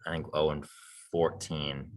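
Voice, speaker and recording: A male podcast co-host telling stories in a relaxed, casual way and chuckling along. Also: rumbling low, measured pace. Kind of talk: casual storytelling chat.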